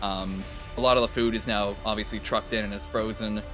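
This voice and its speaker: A man's voice: fairly low pitch, steady tone, a little fast, over music. A man from Canada casting a live game stream, explaining at length and laughing often. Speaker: esports caster. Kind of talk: casual live-stream commentary.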